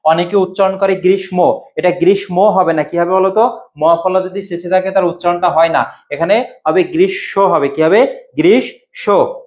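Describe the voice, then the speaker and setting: Young male Bengali lecturer with a high voice who drills students with quick questions. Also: steady tone. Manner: quizzes students, repeats answers, waits for comments. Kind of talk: online exam-prep lesson.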